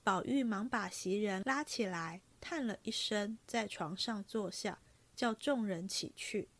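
A woman reading a classic novel aloud in steady, brisk narration. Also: medium pitch. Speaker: reader of classic literature.

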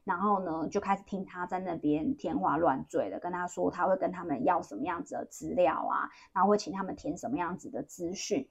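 A woman's voice: fairly low pitch, fairly quick, gravelly, hardly any pauses, breathy edge. A young woman with a Taiwanese Mandarin accent, chatting casually on a podcast and telling a long story full of restarts. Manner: rambling storyteller with many restarts. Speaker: podcast co-host.

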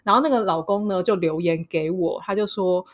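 A woman with a Taiwanese Mandarin accent co-hosting a casual podcast chat, telling a story with lively swings between hushed and excited delivery. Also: fairly low pitch, brisk. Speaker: podcast co-host.

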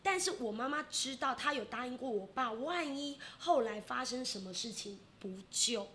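A middle-aged woman with a Taiwanese Mandarin accent, co-hosting a podcast and telling a family story in an animated way, often acting out her relatives' voices. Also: a little high, normal speed, a little hiss or hum. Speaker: podcast co-host.

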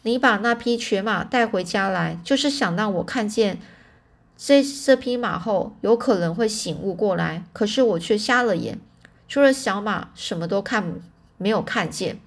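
A woman's voice: mid-range voice, animated, normal speed, creaky. A woman reading a young boy's lines from a storybook in her own plain voice, earnestly, with small restarts. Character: earnest boy, a determined young grandson.

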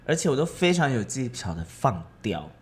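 A man's voice: medium pitch, very animated, moderate pace. A man chatting casually in a playful way and laughing often. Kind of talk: casual chat.

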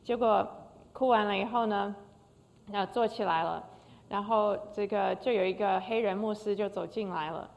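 An older woman recounts her life as a pianist in a heartfelt, halting testimony. Her voice carries a gravelly fry. The sound rings with the long reverb of a large hall. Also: medium pitch. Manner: emotional storytelling with frequent hesitations. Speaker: concert pianist. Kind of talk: personal testimony.

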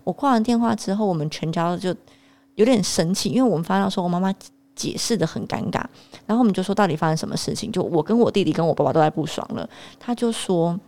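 A young woman telling a personal story to camera, animated and exasperated. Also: fairly low pitch, fast talker. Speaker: vlogger.

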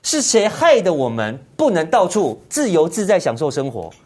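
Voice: medium pitch, wildly swooping pitch, moderate pace, darkish tone, breathy edge. A political commentary host, ranting indignantly in heated commentary and firing off repeated rhetorical questions.

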